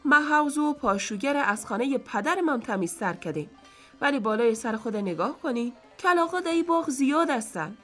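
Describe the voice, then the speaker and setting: A woman voicing a young, quick-witted male servant who answers his master politely and pleadingly. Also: sits high, expressive, a bit bright, faint music behind, pitched above the performer's own voice.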